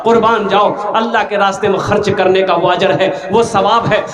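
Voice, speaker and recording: A man's voice: high-pitched, fairly even intonation, moderate pace, reverberant, a crowd in the background. A man preaching at a fundraising gathering, making rhythmic appeals and teasing jokes. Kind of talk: fundraising sermon with humor.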